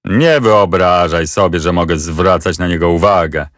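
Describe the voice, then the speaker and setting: A man's voice: sits low, moderate pace, fairly bright tone, no room sound, clean studio sound. A man doing a scornful, stern guard. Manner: dismissive, curt.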